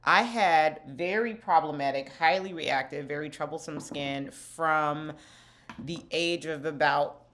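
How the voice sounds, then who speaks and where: A woman's voice: low-pitched, measured pace, fairly bright tone. A middle-aged woman, a skincare company founder, chatting candidly while doing her makeup for a vlog. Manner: candid, chatty, self-deprecating. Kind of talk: get-ready-with-me makeup chat.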